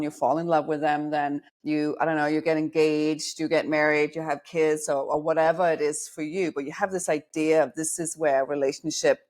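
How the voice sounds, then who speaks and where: With a low, slightly mellow voice, a Danish woman in her forties discusses her dating-coach career on a podcast, thoughtful and self-deprecating throughout.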